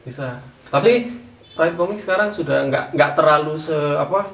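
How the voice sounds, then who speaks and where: A man speaks in an easygoing way, pausing and searching for words. His voice is slightly high. He is recorded off-mic in a room that rings. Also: vocal fry, a bit bright, far from the mic. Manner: easygoing, hesitant, with fillers. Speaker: comic community member. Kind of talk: casual chat. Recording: echoey room, voice a bit off-mic.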